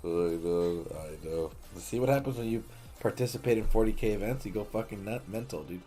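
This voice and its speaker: A man with a lowish, dark-toned voice speaks fairly quickly as faint music plays behind him. Hosting a late-night gaming stream, he chats casually, jokes, and swears freely with viewers as if they were friends.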